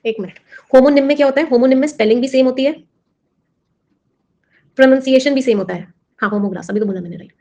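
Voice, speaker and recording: A woman teacher with a slightly high voice runs an exam-prep lesson. She explains in Hindi mixed with words and keeps putting questions to her students. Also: warm tone, muffled recording. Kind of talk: classroom lesson.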